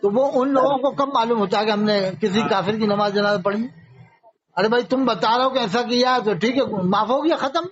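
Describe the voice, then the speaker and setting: A man's voice: high-pitched, a crowd in the background. A man from India gives a polemical religious talk, arguing and firing off rhetorical questions. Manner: argumentative, fires off rhetorical questions. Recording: dull lo-fi audio.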